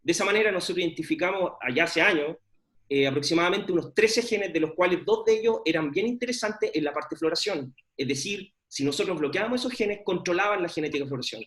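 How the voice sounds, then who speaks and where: A middle-aged Chilean scientist presents his research informally, with lots of fillers and restarts. His voice is high-pitched, a bit bright, and quick.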